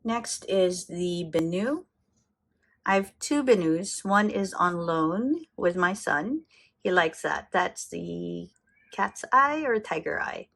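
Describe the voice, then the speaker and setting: Slow chatty Filipino woman with fry. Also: fairly low pitch, expressive, a bit bright. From Philippines. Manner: chatty, enthusiastic, self-correcting. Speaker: fountain pen collector vlogger. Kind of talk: casual show-and-tell.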